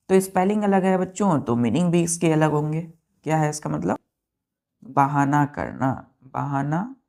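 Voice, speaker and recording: Woman, teacher, lowish voice, classroom lesson, spells words aloud. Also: gravelly, a little mellow. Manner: addresses students as children, spells words letter by letter.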